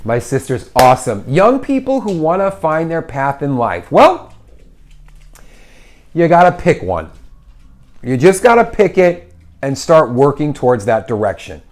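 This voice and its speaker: A man in his forties hosting a casual livestream, giving encouraging advice in an animated way. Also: on the high side, unhurried, pauses often. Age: 40s. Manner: animated, encouraging, acts out little voices. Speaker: host. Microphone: phone livestream.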